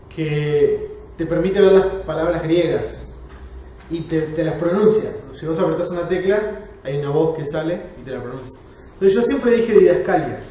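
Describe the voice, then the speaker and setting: A man's voice: a little high, dark tone, slight background noise. A man with a Rioplatense Spanish accent leads a prayer and then teaches a Bible class, speaking earnestly and asking the class questions. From Argentina. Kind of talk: church class lecture with opening prayer. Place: church hall. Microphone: room recording from a distance. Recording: very echoey dull hall recording, distant.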